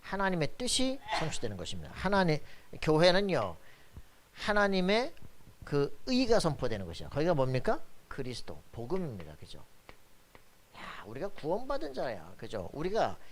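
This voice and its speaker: A man's voice: on the high side, huge pitch swings, normal speed, a little hiss or hum. A man preaching a sermon as pastor, emphatic and colloquial, often asking his congregation for agreement. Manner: emphatic preaching with frequent "그죠?" tag questions; colloquial, blunt asides.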